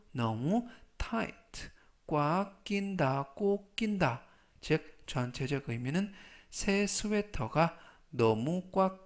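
A man teaching English vocabulary in a scripted lesson, repeating each word slowly and carefully, speaking. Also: on the high side.

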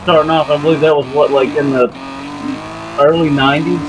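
A man's voice: a little high, steady tone, fairly quick, background noise. A man in his mid twenties, co-hosting a casual gameplay chat in a talkative, rambling way. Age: 20s. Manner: talkative, rambling, laughs often. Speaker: gaming channel co-host.

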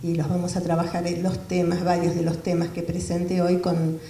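A woman giving an academic lecture in a measured, explanatory way. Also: fairly low pitch, monotone, mellow, a little hiss or hum. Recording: roomy hall from far off.

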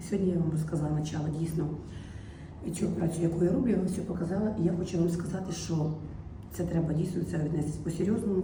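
A woman's voice: on the low side, dark tone, slight background noise. A woman from Ukraine, chatting affectionately to her followers in a walking vlog, filmed on a phone. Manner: chatty, affectionate, mixes Ukrainian and Russian words. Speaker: vlogger. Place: outdoors on city streets, then in a clinic hallway.

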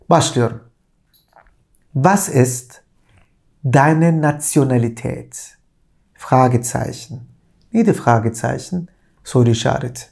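A middle-aged man, a native Turkish speaker, teaching German through a slow, deliberate dictation lesson, repeating each phrase, recorded on a lapel mic in a small room. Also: medium pitch, a little mellow. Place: small indoor room at a desk.

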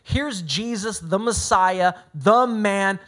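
A man's voice: high-pitched, slow, fairly bright tone. Earnest male pastor. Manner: earnest, emphatic, with frequent restarts. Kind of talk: sermon delivered as a conversation.

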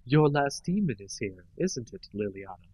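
A man voicing a blunt young female mage who speaks flatly in a read-aloud fantasy story. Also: medium pitch, normal speed, no room sound. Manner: blunt and flat.

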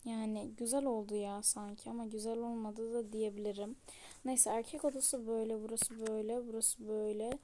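A tired woman narrating her game casually to viewers, in soft, half-whispered asides. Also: on the high side, little pitch movement, brisk. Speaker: channel host.

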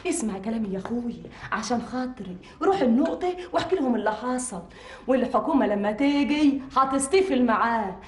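An actress playing a blunt, insistent housewife. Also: female voice, on the high side, lively intonation, quick pace, roomy sound, natural voice. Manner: insistent, scolding. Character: blunt practical rural Egyptian housewife.

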